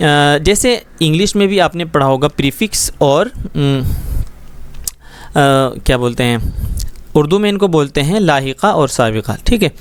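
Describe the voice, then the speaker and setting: A man's voice: on the high side, animated, smooth. A man teaching a schoolbook Urdu lesson, explaining words patiently and often checking that students follow. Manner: patient, explains slowly with frequent check-ins.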